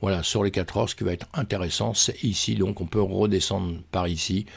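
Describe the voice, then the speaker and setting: A man's voice: low voice, fairly even intonation, fairly quick, gravelly, slightly rough. A man hosting a trading channel, casually walking viewers through charts and thinking aloud with lots of fillers and friendly asides. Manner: tosses in "hein" and "mes amis", thinks aloud with many fillers. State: voice cracking, coughing. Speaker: crypto trading channel host. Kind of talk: casual chart analysis walkthrough.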